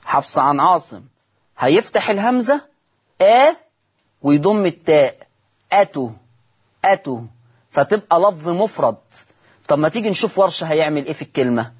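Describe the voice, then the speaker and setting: A man's voice: fairly high pitch, animated, normal speed, long pauses, slightly rough. A man with an Egyptian accent teaching Quran recitation on a broadcast lesson, drawing out recited words and quizzing his listeners. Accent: Egyptian Arabic.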